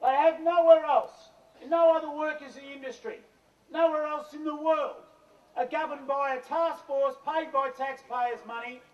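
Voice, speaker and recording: An Australian man, a union leader, delivering a fiery, impassioned rally speech at a protest, heard as a played-back archive recording. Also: very high voice. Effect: played-back archive recording with a dull, lo-fi sound. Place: outdoor protest. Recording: dull lo-fi archive recording, distant from the mic.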